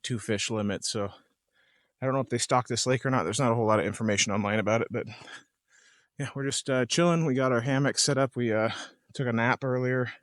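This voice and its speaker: A man vlogging casually from a lakeside campsite, talking in a relaxed, rambling way with lots of hesitations. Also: mid-range voice, quick pace, no echo, studio quality. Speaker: camping vlogger. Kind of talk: casual outdoor vlog.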